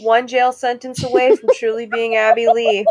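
Joking young woman with quick quips. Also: fairly high pitch, flat delivery, a crowd in the background. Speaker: podcast co-host. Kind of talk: casual chat.

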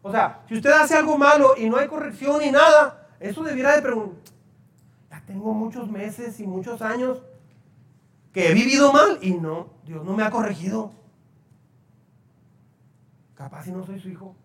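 High-voiced preacher in an echoey hall. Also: male voice, animated, normal speed, long pauses, fairly bright tone. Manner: conversational preaching, quizzing the congregation. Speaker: pastor. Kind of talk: sermon. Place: church hall. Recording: echoey hall, poor audio.

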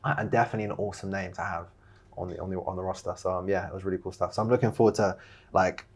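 Lively young man telling stories. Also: low voice, racing. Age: young adult. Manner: animated storyteller, many fillers, laughs while telling. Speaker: guest, video production founder. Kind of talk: casual storytelling interview.

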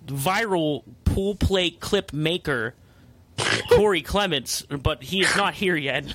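A man's voice: on the high side, slow, a bit bright, slight background noise. A man hosting a casual sports podcast, introducing his co-hosts, laughing easily and making emphatic points. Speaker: podcast host.

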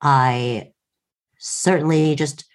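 An American woman in her late thirties tells a wry, self-deprecating story in casual conversation. Her voice is low, her intonation fairly even, and she draws out her words.

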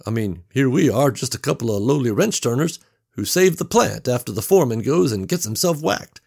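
A man voicing a big, brash male plant worker who talks in a gruff, folksy way. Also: medium pitch, expressive, fairly quick, a little mellow, pitched above the performer's own voice. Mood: boastful.

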